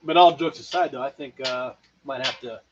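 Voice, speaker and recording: A man co-hosting a homebrewing livestream chats in a laid-back, rambling way, his medium-pitched voice moving at a moderate pace. The lo-fi stream audio sounds dull and has background noise.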